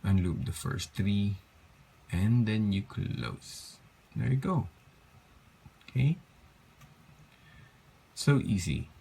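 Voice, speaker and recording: A man's voice: on the low side, animated, slow, gravelly, long pauses, dark tone, husky. A tired man teaching a bracelet-making tutorial step by step, counting loops aloud and apologizing for his slips. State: tired, yawning. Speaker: craft tutorial host.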